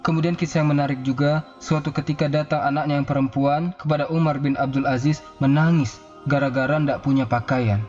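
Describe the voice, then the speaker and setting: A man preaching to a congregation, telling a religious story earnestly and drawing out the Arabic phrases slowly. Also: fairly high pitch, fairly even intonation, darkish tone. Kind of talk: sermon storytelling. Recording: slightly dull recording with faint music.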